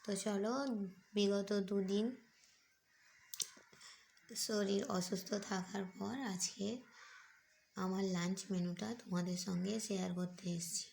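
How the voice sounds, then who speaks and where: Hoarse, gravelly woman vlogging softly. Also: medium pitch, slight background noise. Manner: soft, quiet delivery. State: hoarse from a cold. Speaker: food vlogger. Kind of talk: casual voice-over vlog.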